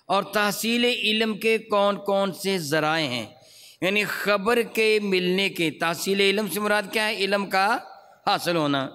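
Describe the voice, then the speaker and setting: Male Quran teacher, high bright voice, chants examples and quizzes class, echoey hall. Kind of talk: classroom religious lesson on recitation.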